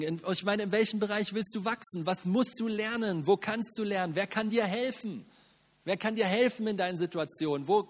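A man preaching a sermon in German, animated, with rhetorical questions, self-mocking asides and frequent "Amen". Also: a little high, husky, big-room sound. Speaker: pastor.

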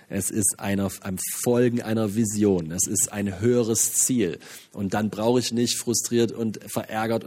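A man's voice: medium pitch, husky. A man preaching a sermon with energy, often repeating himself and throwing in "ja". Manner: energetic, many interjections and repeated phrases. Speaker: pastor.

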